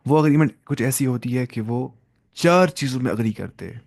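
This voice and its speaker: A man's voice: medium pitch, expressive, fairly quick, creaky, a little mellow. A young man teaching an Arabic grammar class to students, explaining each step, asking questions and mixing in English terms.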